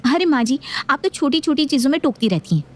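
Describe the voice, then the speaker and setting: A woman's voice: sits high, very animated, quick pace, voice pushed up. A woman voicing a touchy, defiant young daughter-in-law who argues back indignantly. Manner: indignant, argumentative.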